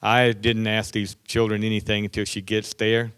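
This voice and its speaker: A man's voice: lowish voice, level tone, normal speed, a bit bright, clear, resonant tone, dry recording. A man speaking at a political conference, telling stories from his work and acting out other people's words as he quotes them. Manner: storytelling, acts out other voices in quotes. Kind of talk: political speech with anecdotes. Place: conference hall.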